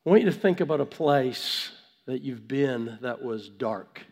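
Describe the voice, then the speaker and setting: Guy preaching w/ a cold, gravelly voice, stop-and-start conversational sermon, long echo of a hall. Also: mid-range voice, expressive, a little mellow. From Vancouver, Canada. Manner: halting, with repeated words and pauses for emphasis. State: has a cold.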